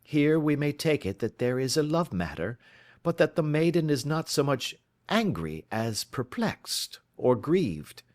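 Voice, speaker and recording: A man voicing a keen, lofty male detective in an audiobook, crisp and lecturing in manner. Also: fairly high pitch, sing-song, measured pace, a little mellow, dry recording, clean studio sound, pitched above the performer's own voice. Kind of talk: audiobook character reading.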